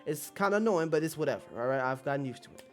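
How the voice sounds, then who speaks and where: With faint music behind him, a streamer and manga commentator chats casually to his audience at a very fast clip. His voice is a little high with lively intonation, and he rambles in an emphatic, slangy way, repeating phrases to drive points home.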